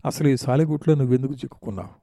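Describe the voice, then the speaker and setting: A man's voice: mid-range voice, steady tone, racing, warm tone, no echo, studio quality, lightly acted. A man voicing a worried young woman who presses a friend with questions in a story reading. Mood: anxious. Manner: questioning, anxious.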